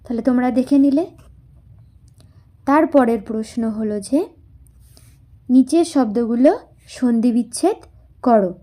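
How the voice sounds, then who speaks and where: A woman's voice: fairly high pitch, lively intonation, measured pace, pauses often, dark tone. A woman teaching a class lesson, spelling words out syllable by syllable and answering her own questions.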